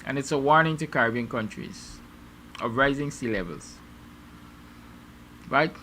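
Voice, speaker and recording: A man's voice: medium pitch, lively intonation, a little slow, bright, forceful tone, slight background noise. A Guyanese man hosting a morning show, musing aloud with rhetorical, sarcastic questions to his viewers. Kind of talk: opinion monologue to viewers.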